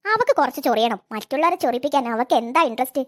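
A woman voicing a sharp-tongued, scornful mother in a cartoon, talking fast. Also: high-pitched, very animated. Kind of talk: cartoon voice acting.

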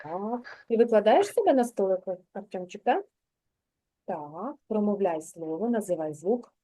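A woman's voice: medium pitch, expressive, a little slow, mellow. A woman kindergarten teacher giving a patient, encouraging one-on-one reading lesson to a young child, prompting step by step.

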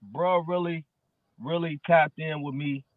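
A man's voice: a little high, steady tone, measured pace, no echo. A man in his early thirties, a guest musician talking casually in street slang on a video call. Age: early 30s. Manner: laid-back street slang, fillers like bro. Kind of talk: casual interview chat. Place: dark room at home. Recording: dry, tinny phone-like video call.

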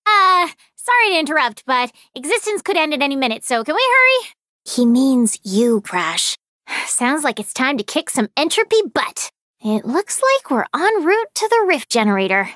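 A young cartoon bandicoot girl for a video game, confident and sassy. The voice is extremely high and bright, swinging freely up and down with perky expression. The sound is close and dry. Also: sing-song, normal speed, dry recording, exaggerated voice. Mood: urgent, apologetic. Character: Coco Bandicoot, spunky young female cartoon bandicoot, confident and clever. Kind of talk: animated video game voice acting.

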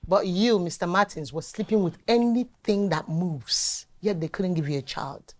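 An actress playing a proud, sharp-tongued widow with a Nigerian English accent, answering with cutting scorn. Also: female voice, lowish voice, moderate pace, close to an everyday voice. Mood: scornful. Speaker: widow, homeowner. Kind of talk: film drama dialogue.

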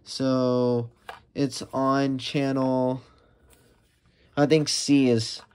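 A man giving casual unboxing commentary as a radio collector, talking in a halting way with many restarts and fillers. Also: mid-range voice, clear, resonant tone. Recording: steady background noise with packaging crinkles and clicks.

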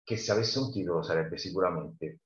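A man reads from a novel and explains the chapter in a conversational way. His voice is fairly low. The recording is roomy and a bit dull. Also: a little fast. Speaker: teacher reading and explaining a novel. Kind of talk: reading aloud and explaining.

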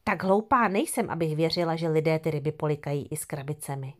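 A woman's voice: low voice, steady tone, voice pushed down, lightly acted. A woman voicing a sly, greedy female fox in an audio fairy tale, grumbling indignantly under her breath.

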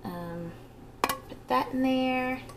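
A woman's voice: high voice, very slow. Casual woman vlogger with noisy background. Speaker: home vlogger. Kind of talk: casual vlog chat with narrated cooking. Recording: clear background noise.

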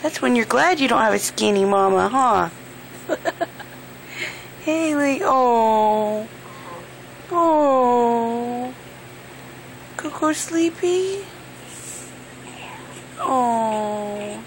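A woman's voice: a little high, animated, extremely slow, pauses often, slight background noise. A woman cooing to her newborn in sing-song baby talk, gasping and gushing between short phrases. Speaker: mother talking to her newborn.

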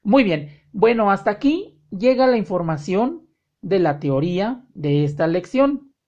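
A woman teaching an online language lesson, speaking directly to the learner and drawing out her example sentences slowly. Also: medium pitch, lively intonation, a little mellow, lo-fi sound. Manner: slow, drawn-out example sentences, friendly direct address. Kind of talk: online lesson explaining grammar.

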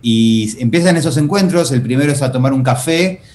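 Argentine guy, mid-pitch voice, easygoing interview chat, faint hum behind him. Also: lively intonation, fairly quick, a little mellow. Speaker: actor, interview guest. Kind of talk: casual interview.

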